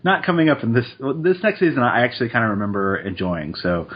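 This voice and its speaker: A man co-hosting a podcast in casual chat, relaxed and quick with asides. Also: mid-range voice, breathy edge, lo-fi sound. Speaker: podcast co-host. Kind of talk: casual chat, reading statistics aloud.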